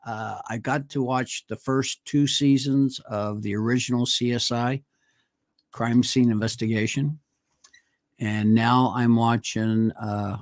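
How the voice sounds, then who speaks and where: A co-host on a live-streamed casual talk show speaks hesitantly in a medium-pitched voice, filling pauses as he reaches for names. The studio mic gives a dry, studio-quality sound.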